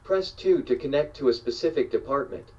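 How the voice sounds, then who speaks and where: Male automated phone menu voice, recorded message, even and measured, sounds far off and kinda muffled. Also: mid-range voice. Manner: even, measured announcer delivery. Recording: dull, distant playback of a phone menu.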